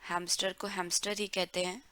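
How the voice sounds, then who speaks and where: A woman teaching German vocabulary to learners, repeating words slowly syllable by syllable for pronunciation drills. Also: fairly low pitch, little pitch movement, sharp tone, smooth. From India. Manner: drawn-out, careful word-by-word pronunciation drills. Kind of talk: explaining vocabulary to learners, mixing Hindi and English.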